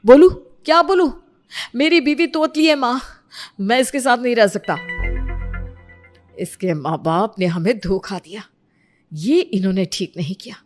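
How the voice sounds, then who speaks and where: A woman's voice: mid-range voice, expressive, measured pace, pauses often, soft background music. A woman playing an exasperated young husband. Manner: coaxing to agitated.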